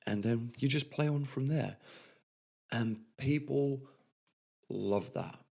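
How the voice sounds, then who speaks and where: A man's voice: mid-range voice, slow pace, vocal fry, dark tone. A young man hosting a podcast and talking casually about refereeing, full of "like" and "um". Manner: chatty, lots of "like" and "um". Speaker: podcast host, football referee. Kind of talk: casual solo podcast talk.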